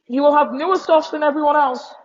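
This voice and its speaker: A woman's voice: high-pitched, a little fast, no echo. A woman giving live race commentary as a motorsport commentator, with a voice that rises as she calls the action. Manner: motorsport commentator calling action, voice rising on incidents. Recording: dull lo-fi microphone.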